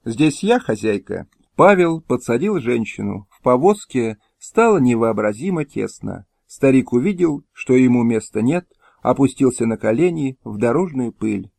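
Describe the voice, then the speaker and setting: A man reading a historical audiobook in measured storytelling narration, recorded at home on a close mic. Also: mid-range voice, lively intonation, vocal fry, darkish tone, dry recording. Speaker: audiobook reader. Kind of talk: scripted narration. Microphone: close, dry home recording.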